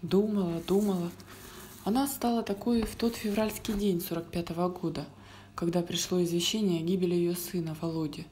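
A woman reading a story aloud, soft and often dropping to a whisper. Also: fairly low pitch, fairly even intonation, a little fast, a little hiss or hum. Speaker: narrator.

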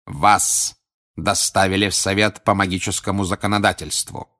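A man voicing a hateful, stern older male judge who declaims and shouts harshly, in an audiobook. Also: sits low, steady tone, moderate pace. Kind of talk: audiobook character voice.

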